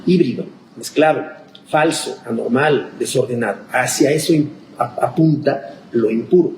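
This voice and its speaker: A man's voice: mid-range voice, moderate pace, darkish tone. A man, a pastor teaching a Bible class in a conversational lecture style, thinking aloud and checking in with his listeners. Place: church classroom. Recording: echoey room with clear background noise.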